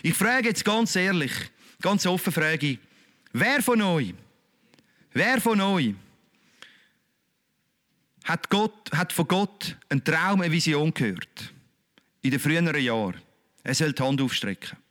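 A man's voice: a little high, lively intonation, measured pace, pauses often, fairly bright tone. A man with a Swiss German accent preaching a sermon in a colloquial, emphatic, repetitive way.

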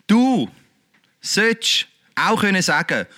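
A middle-aged man, preaching a lively, conversational sermon full of rhetorical questions. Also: high-pitched, takes it slowly. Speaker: pastor.

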